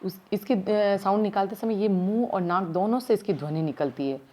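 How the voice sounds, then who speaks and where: A woman teaching primary school grammar in a slow, step-by-step way, asking her class questions as she goes, with words her speech. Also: mid-range voice, warm tone. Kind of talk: recorded grammar lesson.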